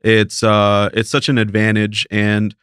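Appearing as a guest, a talent agency principal from Mexico talks casually and easily, leaning on filler words and frequently restarting sentences. He has a lowish, unhurried, monotone voice that's a bit bright and clean. The studio sound is clean, with no room sound.

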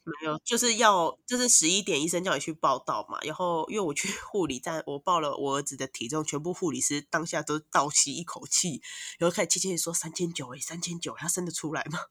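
A woman, a mother of two, telling long, animated stories as a podcast guest. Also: low voice, fast, dry recording. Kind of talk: casual podcast chat.

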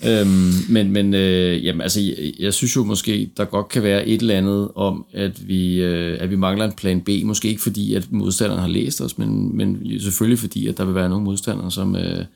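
Low, creaky-voiced podcast host, male. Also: steady tone, few pauses, darkish tone. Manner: tentative, circles around his points. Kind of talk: casual football discussion.

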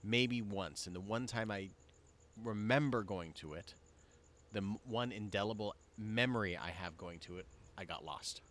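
A man's voice: on the low side, moderate pace, fairly bright tone. A man from the Los Angeles area co-hosting a casual podcast, telling stories in a rambling way and swearing casually. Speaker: podcast co-host.

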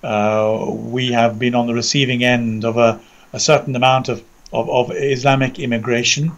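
Over a dull, lo-fi internet call, an English-accented man gives news commentary in a conversational way. He is measured and articulate, sometimes doubling back on words. His pitch sits in a middle male range. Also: flat delivery. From Britain. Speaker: commentator, co-presenter. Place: indoors under a roof, remote audio call.

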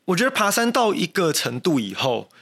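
A man's voice: sits high, big pitch swings, a little fast, fairly bright tone. A young man with a Taiwanese Mandarin accent, a mountaineer guest talking casually and thoughtfully, with many restarts and a self-deprecating manner. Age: young adult. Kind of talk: casual interview talk.

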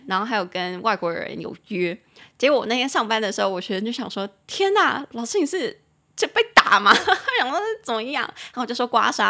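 A young Taiwanese woman hosting a casual English lesson podcast, chatty and laughing often, slowing down to repeat and spell English words. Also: medium pitch, vocal fry, a bit bright. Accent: Taiwanese Mandarin. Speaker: English teacher and podcast host.

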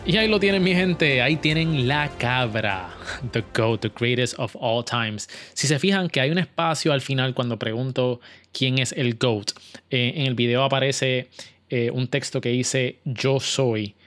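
A man's voice: mid-range voice, unhurried, fairly bright tone, dry recording, faint music behind. A man talking casually and earnestly to his viewers, with hesitations and restarts. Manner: earnest, with frequent fillers and restarts. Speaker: video creator. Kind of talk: casual personal talk to viewers.

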